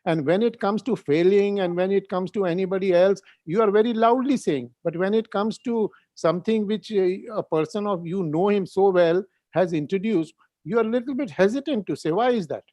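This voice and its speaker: A senior neurosurgeon, insistent and lecturing in a heated panel discussion, repeating phrases for emphasis. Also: male voice, high-pitched, a little fast, mellow, dry recording.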